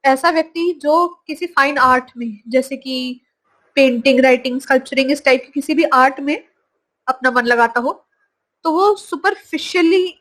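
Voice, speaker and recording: A woman teaching English vocabulary from slides, saying each word slowly and repeating it. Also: high-pitched, a bit bright, poor audio. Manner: slow, drawn-out pronunciation of each word, repeated. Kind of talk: slide-based vocabulary lesson.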